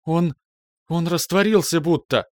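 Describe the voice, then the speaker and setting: A man's voice: on the high side, unhurried, a little mellow, dry recording, clean studio sound, voice pushed up, lightly acted. Man voicing an astonished young woman researcher.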